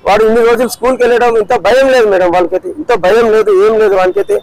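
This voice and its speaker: A man's voice: high voice, very fast, poor audio. A man, a grieving father in an emotional street interview, talking in a repetitive, pleading way. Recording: crowd noise outdoors.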